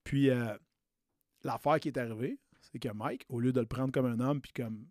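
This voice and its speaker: On a casual storytelling podcast, a Québécois-accented man in his late thirties, a personal trainer, recounts a story in a loose, talkative way while using English slang. He speaks at a normal pace in a steady, mid-range voice that's a little mellow, with clean studio sound and no echo.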